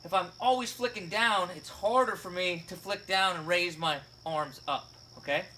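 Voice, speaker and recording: A man coaching a fitness technique in a casual lesson, explaining step by step and often checking in with the viewer. His voice sits high and sounds bright. Faint insect noise from outdoors runs behind him. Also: normal speed. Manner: explains step by step, frequent "right?" and "okay?". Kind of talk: casual instructional video.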